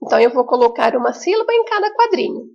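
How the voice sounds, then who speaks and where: A woman teaching a remote lesson to young children with a Brazilian Portuguese accent, in a slow, sing-song, encouraging way with drawn-out words. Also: high voice, sing-song, gravelly, lo-fi sound. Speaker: primary school teacher.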